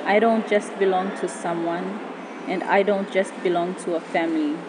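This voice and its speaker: A woman's voice: on the low side, fairly even intonation, normal speed, background noise. A woman giving spoken-word poetry and personal reflection. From Papua New Guinea.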